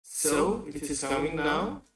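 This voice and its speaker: A man giving an academic seminar lecture from afar over a bad online connection, speaking haltingly and restarting his phrases often. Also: a little high, lively intonation. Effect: remote voice over a bad online connection. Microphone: video call. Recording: distant, echoey video-call audio.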